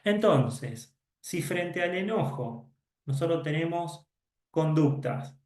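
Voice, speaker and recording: A man gives a conference lecture as a psychologist, speaking in a somewhat high voice. He explains step by step and slips into little acted dialogues, correcting himself as he goes. The sound carries a noticeable room echo. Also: lively intonation, slow pace, darkish tone.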